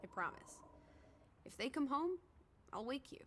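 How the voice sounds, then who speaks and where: A woman's voice: sits high, animated, a little slow. An actress voicing a spirited, teasing young woman companion in a video game, breezy, sardonic and a little bossy. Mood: soothing. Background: game music.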